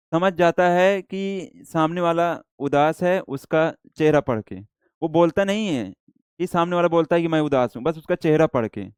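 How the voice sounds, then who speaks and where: A man with an Indian accent teaching a shorthand class, explaining slowly and repeating himself, mixing English words into Hindi. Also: on the high side, clear, resonant tone, dry recording. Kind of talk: classroom lecture.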